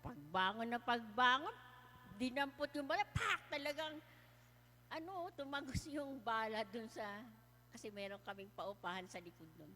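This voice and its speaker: A woman with a high voice tells her story as a casual testimony. She is lively and laughs often as she talks. Her voice carries a long, echoey reverb. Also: moderate pace, a little hiss or hum. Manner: lively, laughs often while telling stories. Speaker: guest sharing a testimony.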